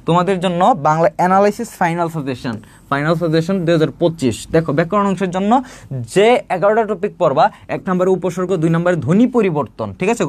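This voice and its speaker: A young male tutor from Bangladesh runs an online exam-prep lesson. His voice sits high and his delivery races along. He repeats key points and gives his students a pep talk. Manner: fast, repetitive, pep-talk teaching. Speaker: admission test tutor.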